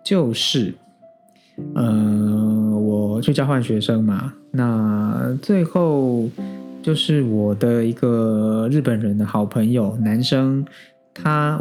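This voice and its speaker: A man in his thirties with a Taiwanese Mandarin accent recounts a personal story on his podcast in a candid, exasperated way. His voice is mellow and dark, sitting mid-range for a man. Soft plucked guitar plays faintly underneath. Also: medium pitch. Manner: candid, animated, exasperated storytelling with frequent self-asides and laughs. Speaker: podcast host.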